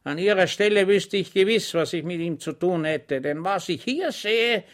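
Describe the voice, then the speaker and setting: A man's voice: sits high, moderate pace, pitched above the performer's own voice, close to an everyday voice. A man voicing a feared, brutal old general who barks scornful questions and verdicts. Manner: barking, contemptuous. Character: shouting old general in civilian clothes, brutal.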